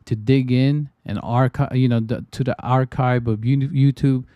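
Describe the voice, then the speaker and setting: A Filipino man hosting a trading livestream chats casually, rambling and repeating himself with lots of restarts and fillers. His mid-range voice is steady at a moderate pace, and the recording is dry with no room sound but lo-fi.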